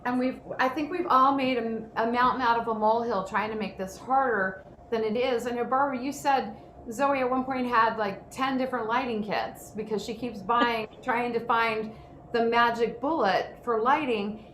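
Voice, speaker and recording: With a fairly high, slightly bright voice at normal speed, a woman presents a casual workshop from an indoor room in an informal, chatty, emphatic way. She is the host and a photographer; the audio is poor, with noticeable background noise.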